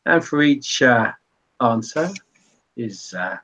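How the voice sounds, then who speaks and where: A man voicing a sly male information broker in a put-on, wavering Irish accent, speaking in hushed, conspiratorial tones. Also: medium pitch, expressive, full character voice. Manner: hushed, conspiratorial, drawn-out delivery. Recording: dull lo-fi recording.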